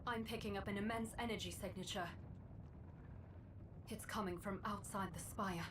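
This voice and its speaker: A woman voicing a gentle, polite care robot. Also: medium pitch, background noise, close to an everyday voice. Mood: calm. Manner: measured, courteous, softly even delivery. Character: calm, polite female robot companion. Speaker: video game character.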